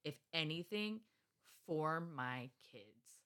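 A woman's voice: low voice, animated, slow pace, a bit bright. A woman in her thirties, a podcast co-host, telling her story in casual chat, blunt, sarcastic and full of swearing. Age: 30s.

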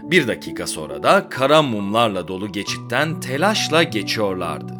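A male podcast host reads a story with dramatic flair. His pitch rises and falls a lot as he builds tension, and he voices the characters' lines. Faint music plays underneath. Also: big pitch swings, moderate pace. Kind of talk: dramatic audiobook reading.

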